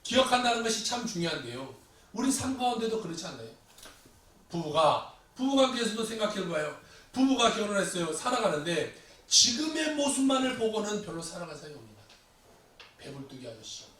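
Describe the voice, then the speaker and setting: Guy pastor preaching, super animated, acts out prayers, echoey church sound, kinda far from the mic w/ faint noise. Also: sits high, a little fast. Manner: animated preaching, acting out prayers and everyday complaints. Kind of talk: Sunday sermon.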